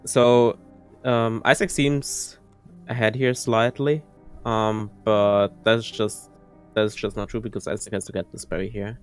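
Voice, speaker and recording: A man's voice: fairly low pitch, flat delivery, faint music behind. A man giving casual live speedrun commentary, often restarting his sentences. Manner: halting, restarts often, laughs easily.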